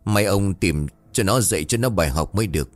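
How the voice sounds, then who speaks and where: A man reading a ghost story, voicing a stern, protective old grandfather who speaks gruffly. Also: low voice, expressive, brisk, no room sound, faint music behind. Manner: gruff, indignant.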